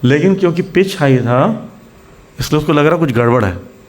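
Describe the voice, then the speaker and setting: A man's voice: on the high side, animated, normal speed. An Indian man giving a Hindi sermon at a temple preaching centre, mixing in English words and acting out scolding examples.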